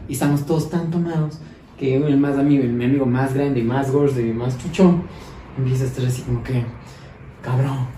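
Un hombre joven con acento ecuatoriano que charla de forma informal y animada, con mucha jerga. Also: male voice, medium pitch, brisk. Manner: animated, slangy, laughs through his stories. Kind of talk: casual chat, storytelling. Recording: roomy echo, distant mic, faint noise.

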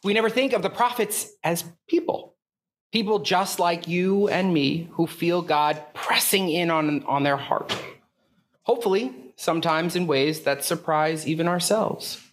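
A man preaching a conversational sermon as a priest, casual and chatty, peppering his talk with filler words and swinging up in pitch for emphasis and questions. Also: a little slow. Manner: animated, rising pitch on questions.

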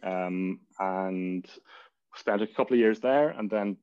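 A man's voice: deep voice, takes it slowly, clear, resonant tone, no room sound, muffled recording. A man with a Donegal, west of Ireland accent talking casually as an interview guest, rambling as he thinks aloud. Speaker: interview guest, tech business founder. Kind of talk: casual interview talk about work and life.

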